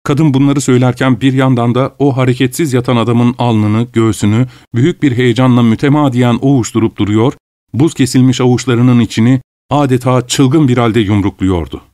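A man narrating a story in a measured, unhurried way. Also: mid-range voice, fairly even intonation, mellow, no echo, studio quality. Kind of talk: audiobook narration.

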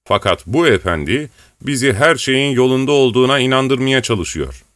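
A man's voice: mid-range voice, animated, normal speed, fairly bright tone, no echo, studio quality, pitched above the performer's own voice, close to an everyday voice. A man reading an audiobook and voicing a vicious, bloodthirsty old male rebel who accuses people with spite. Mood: accusing.

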